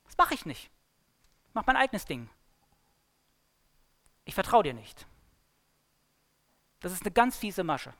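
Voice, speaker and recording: A woman giving a sermon-style Bible talk, telling the story dramatically and swinging between loud emphasis and hushed lines. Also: medium pitch, sing-song, measured pace, long pauses. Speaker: preacher.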